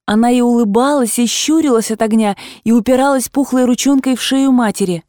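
A woman narrating a classic novel as an audiobook in a measured, even storytelling manner. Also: fairly high pitch, no echo, studio quality. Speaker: audiobook reader.

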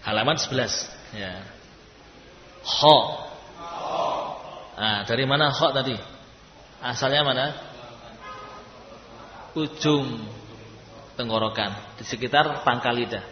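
A man teaching a class to read Arabic letters, who sounds them out loud and explains them patiently. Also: medium pitch. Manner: patient, demonstrates letters loudly and slowly. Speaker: Quran reading teacher. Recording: echoey hall, dull lo-fi sound.

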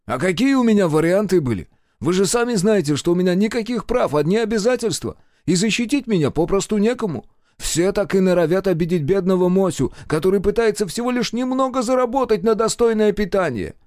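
A man's voice: high-pitched, expressive, brisk, few pauses, darkish tone, no echo, pitched above the performer's own voice. A man voicing a whiny, fawning fanged hustler who pleads and complains, in a dry audiobook recording. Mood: whining. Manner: wheedling, whining, shrieking protests.

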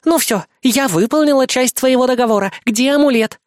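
A man's voice: extremely high pitch, fairly quick, dry recording, clean studio sound, pitched above the performer's own voice. A man voicing a spoiled, capricious young female devil-elf in an audiobook, with a whiny, squealing, bossy manner. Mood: scornful.

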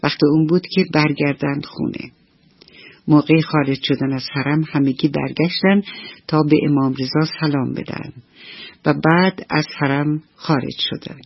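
A woman storyteller narrating a children's bedtime story on the radio in an expressive, storytelling manner. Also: low-pitched, breathy edge, dry recording. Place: radio studio. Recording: dull dry old radio recording.

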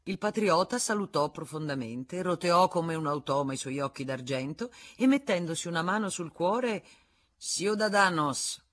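Expressive woman reading a novel. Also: low voice, normal speed, hardly any pauses. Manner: expressive literary narration. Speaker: audiobook reader.

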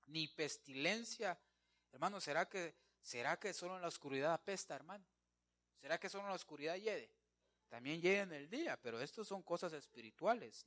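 A man preaching an evangelical sermon, emphatic, keeps calling his listeners brother, swinging between loud declarations and quiet asides. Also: fairly high pitch.

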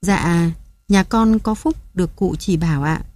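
A man's voice: high voice, unhurried, a little mellow, no echo. A woman voicing a humble pleading father. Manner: pleading and deferential. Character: poor, humble, frightened father in debt.

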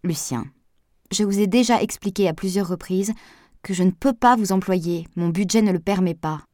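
A woman reading an audiobook, voicing a composed, sensible woman doctor in a measured way. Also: medium pitch, mellow, no echo, studio quality, close to an everyday voice. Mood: reflective.

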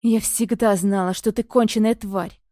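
A woman's voice: on the high side, a little fast, dark tone, no echo, clean studio sound, natural voice. A woman reading the lines of a desperate, spiteful young woman who pleads and accuses in an audiobook. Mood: bitter. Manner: pleading then bitter and accusing.

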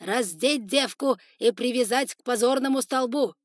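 A woman voicing a cruel older male spider lord in an audiobook, shouting orders in a harsh, contemptuous voice. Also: fairly high pitch, moderate pace, no echo, clean studio sound, voice pushed up, lightly acted. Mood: raging. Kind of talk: audiobook character voice.

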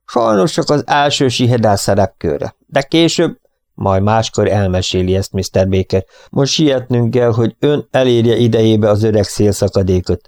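A man's voice: lowish voice, a little mellow, no room sound, clean studio sound, close to an everyday voice. A man reading an audiobook, voicing a stern, impatient male prison governor who speaks brusquely. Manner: brusque and commanding.

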